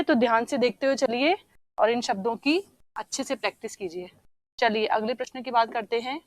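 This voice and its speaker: A woman teacher with a slightly high voice walks through exam questions at a steady, patient pace, repeating key words and checking in often. The sound is dry and close to the mic. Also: dry recording. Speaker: Hindi teacher. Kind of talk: online exam-prep lesson.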